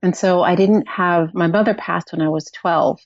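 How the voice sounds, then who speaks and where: Woman in her 40s chatting on a podcast, kinda low voice, soft and thoughtful, muffled dry sound. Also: steady tone, normal speed, dry recording. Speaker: podcast guest. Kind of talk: reflective conversational storytelling. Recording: dull dry lo-fi audio.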